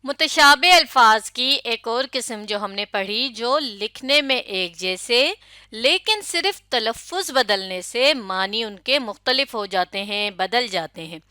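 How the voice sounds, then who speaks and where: Bright clear-voiced woman teaching a lesson. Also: on the high side, lively intonation, no echo, studio quality. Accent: Pakistani Urdu. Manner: asks questions then confirms answers, spells words letter by letter. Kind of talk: classroom lecture.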